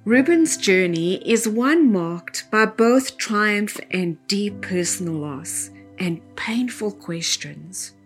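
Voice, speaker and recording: A woman narrating a documentary segment from a script in a measured, expressive delivery. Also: medium pitch. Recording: faint music underneath.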